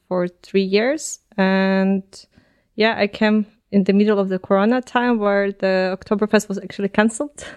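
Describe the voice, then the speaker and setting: Appearing as a podcast guest, this woman from Ukraine answers interview questions casually. She's in her twenties, speaks Ukrainian as her first language, and has a smooth, even, mid-range voice full of ums, uhs, and non-native turns of phrase.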